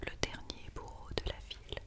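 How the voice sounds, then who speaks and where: A woman gives an ASMR storybook reading entirely in a whisper. Her delivery is breathy and unvoiced, with no full tone. It stays hushed and quiet, suited to night-time listening. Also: moderate pace. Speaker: ASMR reader.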